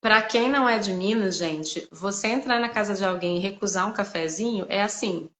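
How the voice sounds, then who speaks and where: A woman's voice: mid-range voice, normal speed, fairly bright tone. A woman from Belo Horizonte with a Mineiro Brazilian Portuguese accent, chatting casually and animatedly as host of a live stream, laughing often.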